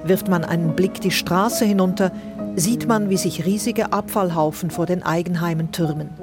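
A woman reporter reading a scripted radio news report in a measured, dryly commenting manner. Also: fairly low pitch, loud music behind the voice.

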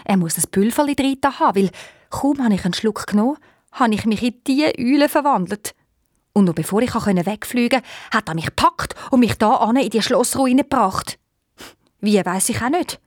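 Woman doing a sad owl princess, hoarse, high, Swiss German lilt, dry storybook read. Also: animated, normal speed, darkish tone, dry recording. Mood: plaintive. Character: enchanted young princess turned owl, sorrowful.

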